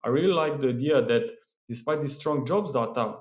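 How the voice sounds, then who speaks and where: A man giving a market analysis commentary in a steady, explanatory way, often pausing with "uh" and "um". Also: medium pitch, muffled recording. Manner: steady explanatory delivery with frequent "uh" and "um" fillers. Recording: roomy echo.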